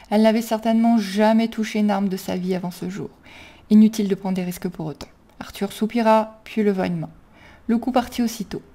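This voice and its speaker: Mellow-voiced woman reading a story. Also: medium pitch. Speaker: reader of her own fan fiction. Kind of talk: storybook narration.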